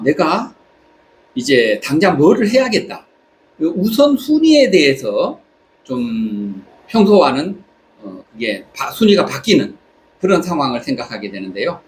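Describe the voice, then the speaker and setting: A man from South Korea speaking a reflective personal monologue, haltingly, pausing between short phrases. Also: medium pitch, rough recording. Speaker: vlogger. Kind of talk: reflective spoken monologue while travelling. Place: on holiday in Southeast Asia. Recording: clear background ambient noise.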